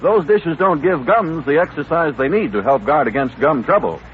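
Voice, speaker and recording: An American man announces in the polished, earnest style of 1930s radio advertising, giving a sales delivery. His voice is on the high side and animated, at a moderate pace. The recording is a tinny, noisy 1939 radio broadcast.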